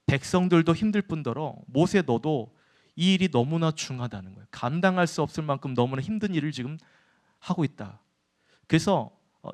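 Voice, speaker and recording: Male pastor, higher voice, preaches a sermon in church and poses questions to the room. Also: darkish tone. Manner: addresses the congregation often, asks questions and answers them.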